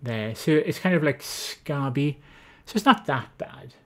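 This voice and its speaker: A live streamer from Wales with a Swansea accent chats casually in a mid-range, expressive, unhurried voice. They read viewers' comments aloud and make self-deprecating jokes.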